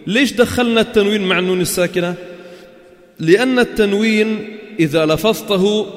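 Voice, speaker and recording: A man with a high voice and a Levantine Arabic accent leads a class on Quran recitation. He chants verses slowly and then explains them in a brisk, questioning way to his students. His voice rings with a long reverb in a large hall. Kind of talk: religious lesson to a class.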